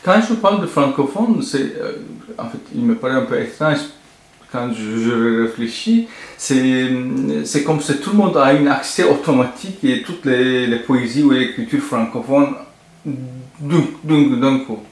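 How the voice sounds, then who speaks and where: A man's voice: medium pitch, a little slow. A man interviewing a poet, asking his questions hesitantly and often restarting them. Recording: roomy echo.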